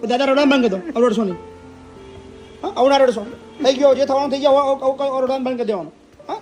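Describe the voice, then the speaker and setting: A man hosting and interviewing, asking gentle questions and reassuring the people he talks to. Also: very high-pitched, quick pace, soft background music. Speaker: host and interviewer. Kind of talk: consoling interview.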